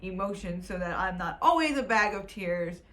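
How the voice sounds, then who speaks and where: A young woman in her twenties talks straight to her viewers from home, candid and rambling. She gets emotional as she goes and keeps talking through it, at a middle pitch for a woman. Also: animated, normal speed, fairly bright tone. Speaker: vlogger. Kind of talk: personal vlog storytelling. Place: at home indoors.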